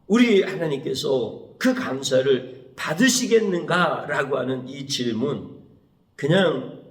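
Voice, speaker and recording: A male pastor preaching a Wednesday sermon in a lively way, acting out prayers in a pleading voice. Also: sits high. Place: church sanctuary. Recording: echoey church room.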